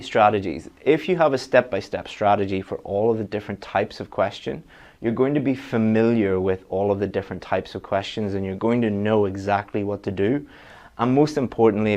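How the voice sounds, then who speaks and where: A man with a fairly low voice coaches students through an exam-prep lesson. He talks straight to them, frank and practical, and moves from point to point like a teacher who wants the work done. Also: darkish tone. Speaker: IELTS teacher.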